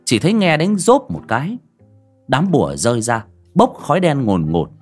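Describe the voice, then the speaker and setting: A man narrating an audiobook story in a vivid, expressive storytelling manner. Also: mid-range voice, moderate pace, slightly rough, faint music behind.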